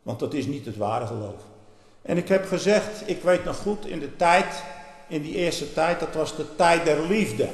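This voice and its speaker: Fiery preacher in an echoey hall. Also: male voice, lively intonation, a little slow. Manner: fiery, swings from low murmurs to loud outbursts. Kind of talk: fiery sermon.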